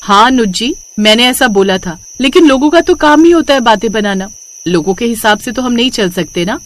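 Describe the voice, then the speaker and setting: Woman voicing cartoon young wife, earnest, persuasive, clear. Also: fairly high pitch, lively intonation, moderate pace, close to an everyday voice. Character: sensible young wife Radhika, calm and firm.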